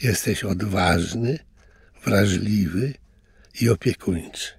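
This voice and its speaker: Man doing a quiet kind mama tapir, husky, slow. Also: lowish voice, no room sound, heavily acted. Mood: warm. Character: gentle motherly female tapir, calm and kind.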